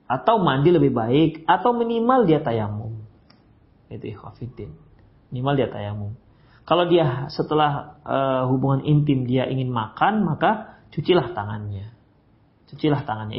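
A middle-aged man giving a lively, conversational Islamic study lecture with playful asides. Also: mid-range voice. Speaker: Islamic preacher. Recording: dull lo-fi studio recording.

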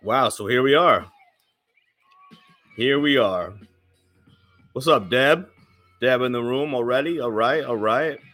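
A man's voice: medium pitch, slow pace, long pauses, fairly bright tone, faint music behind. A man hosting a live podcast, hyping it up, swearing and repeating his phrases, while a chest cold keeps him coughing. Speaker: podcast host. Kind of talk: casual live podcast chat.

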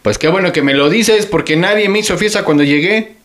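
In this sketch, an actor with a Mexican Spanish accent plays a hungry father who teases his daughter, cracking jokes while he tries to comfort her. His voice sits high and sounds brisk and a bit bright, full of joking, exaggerated whining.

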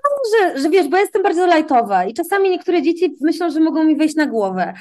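High-pitched female teacher guest, animated anecdote teller, chatty, acts out dialogue. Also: fast. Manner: animated anecdotes, acts out quoted exchanges, frequent tag questions. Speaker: English teacher for children, guest. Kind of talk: casual storytelling in an interview.

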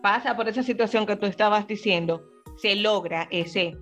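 A woman's voice: mid-range voice, normal speed, a bit bright, faint music behind. A woman on a casual panel chat, explaining her points at length and calling others mi amor. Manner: explanatory, agreeing, uses mi amor. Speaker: panel co-host.

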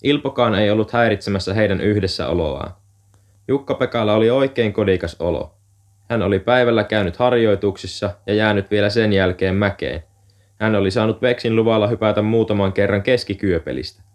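Low-voiced man reading a novel. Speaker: audiobook reader. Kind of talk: scripted narration.

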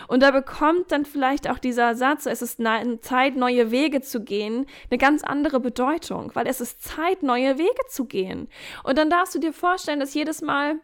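A woman in a casual podcast chat, giving coaching advice in an animated way, acting out inner voices and adding jokey asides. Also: high voice, moderate pace. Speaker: podcast guest.

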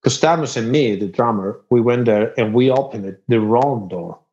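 A man from Spain with a Spanish accent, a rock musician telling a casual anecdote in animated, halting English and laughing as he goes. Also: mid-range voice, lo-fi sound. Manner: animated, laughs through the story, halting non-native grammar.

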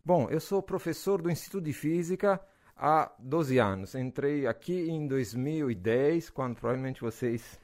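A man in his forties from Naples with an Italian accent, a physics professor answering interview questions in a relaxed way, with frequent hesitations and fillers. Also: medium pitch, moderate pace. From Naples, southern Italy. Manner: hesitant, many "ah" fillers, laughs easily.

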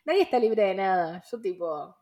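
A woman's voice: mid-range voice, big pitch swings, moderate pace, mellow. A young woman with a Rioplatense Spanish accent, hosting a casual podcast chat, slangy and full of fillers and laughing asides. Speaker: podcast host.

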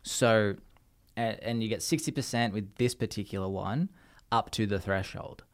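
A man with an Australian accent talks in a low, easygoing voice. He rambles through his points, restarting sentences as he goes. He tells stories casually, like a guest on a chat show. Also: normal speed. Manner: rambling, restarts, lively storytelling. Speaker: podcast guest.

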